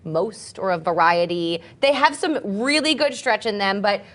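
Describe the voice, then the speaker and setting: A woman co-hosting a casual talk panel, teasing and lively as she leads the chat. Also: mid-range voice, normal speed. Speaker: co-host.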